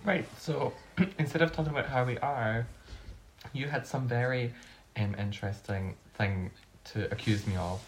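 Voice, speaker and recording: Blunt deadpan Scottish drag queen. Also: medium pitch, moderate pace, reverberant, slight background noise, poor audio. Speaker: podcast co-host, drag queen. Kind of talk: casual chat.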